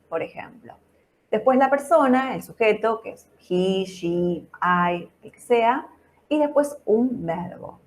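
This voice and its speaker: A woman's voice: medium pitch, a little hiss or hum. Patient Rioplatense woman teaching a lesson. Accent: Rioplatense Spanish. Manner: patient, explanatory, checks in with listeners. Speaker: English teacher. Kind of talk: online mini lesson.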